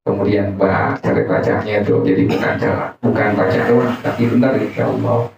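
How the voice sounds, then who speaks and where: A man's voice: on the low side, fairly even intonation, normal speed, creaky, noisy background. A man teaching an informal religious study class, joking and quizzing his audience with questions. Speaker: Islamic teacher. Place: gathering room with an audience. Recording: echoey room, distant, dull mic.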